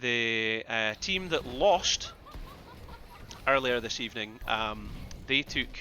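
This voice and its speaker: A man giving excitable live play-by-play commentary on an esports match, with bursts of loud exclamations. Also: medium pitch, slow, slight background noise. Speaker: esports caster.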